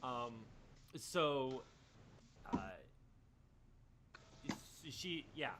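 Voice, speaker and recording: A man's voice: medium pitch, very slow, heavy background noise. Hesitant male game master, typing behind. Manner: hesitant, many ums. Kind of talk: narrating a tabletop game on a voice call. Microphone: computer mic on an online call. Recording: loud keyboard typing behind.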